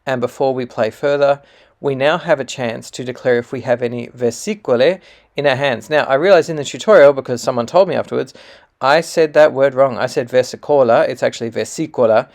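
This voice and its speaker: Gravelly man explaining a card game. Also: mid-range voice, brisk. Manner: patient, explanatory, with fillers and self-corrections.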